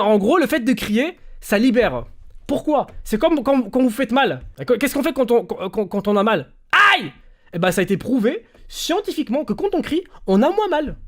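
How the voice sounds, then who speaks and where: A young man streaming, telling stories in casual slangy chat that swings between loud bursts and quiet mumbling. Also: very high voice.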